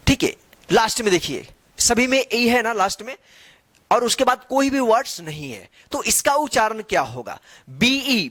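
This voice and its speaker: A male English teacher giving a classroom-style lesson. He spells letters out slowly and answers his own questions. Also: sits high, fairly bright tone, no room sound.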